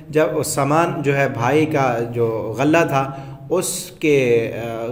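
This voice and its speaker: A man teaching a word-by-word Quran translation lesson, reciting Arabic phrases and then explaining them in plain conversational Urdu with hesitant fillers. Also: medium pitch.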